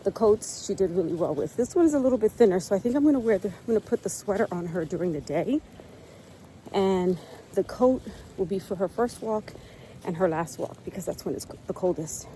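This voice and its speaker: A woman's voice: mid-range voice, expressive, fairly quick, warm tone, slight background noise, low-quality recording. A middle-aged woman with a cold, chatting upbeat and straight to camera in a casual vlog. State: sniffly with a cold. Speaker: lifestyle vlogger.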